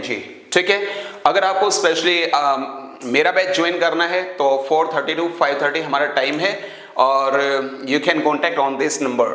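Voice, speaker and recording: Man, vocabulary teacher, online class, slightly high voice, memory-trick explanations, roomy echo. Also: a bit bright. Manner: explains with Hindi memory tricks, mixing in English phrases; asks students questions and answers himself.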